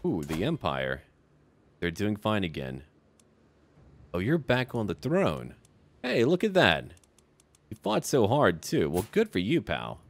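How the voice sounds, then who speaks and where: Playing a strategy game for a let's play video, a man muses aloud casually and addresses the characters in brief remarks. His gravelly, lowish voice swings hugely in pitch, his pace is unhurried with long pauses, and there's a little hiss or hum.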